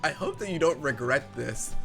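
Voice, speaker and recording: A man hosting a stream, chatting excitedly and reading out donations. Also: mid-range voice, moderate pace, vocal fry. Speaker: stream host. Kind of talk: casual chat. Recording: faint music behind.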